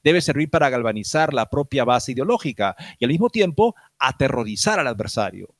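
A man hosting a news commentary show, reading in a formal, measured way. His voice sits in a middle register. The sound is dry and close, with no room echo. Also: medium pitch, lively intonation. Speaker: program host.

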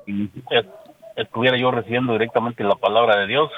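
A man with a Michoacán accent phones in to a radio show. His mid-pitched voice comes through a dull, muffled phone line. He speaks devoutly and hesitantly, with fillers. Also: steady tone, fairly quick, slight background noise. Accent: Michoacán Mexican. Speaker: caller.

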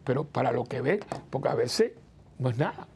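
Gravelly-voiced priest talking with his listeners. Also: mid-range voice, expressive, brisk, darkish tone. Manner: chatty, asks the listeners rhetorical "¿no?" questions; acts out the people he quotes. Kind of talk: conversational preaching talk.

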